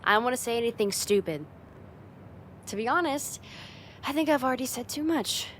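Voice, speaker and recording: A woman's voice: a little high, lively intonation, a little fast, slight background noise, natural voice. A woman playing a friend's teasing older sister in a casual, conversational ASMR roleplay spoken straight to the listener. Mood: flustered, bossy.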